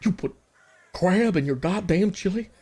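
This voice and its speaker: A man voicing a gruff middle-aged male town constable with a folksy, commanding drawl. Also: high-pitched, animated, normal speed, mellow, voice pushed up. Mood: scolding.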